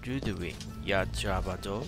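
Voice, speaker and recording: An actor voicing a stern knight in a video game, terse and sober, with a gravelly voice. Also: male voice, sits low, a little slow. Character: stern male knight questioning an ally. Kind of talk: video game character dialogue. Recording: music behind the voice.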